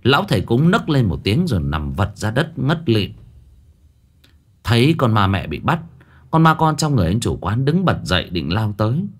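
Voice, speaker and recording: A man narrating a ghost story in the first person, with an animated, dramatic delivery. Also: mid-range voice, normal speed.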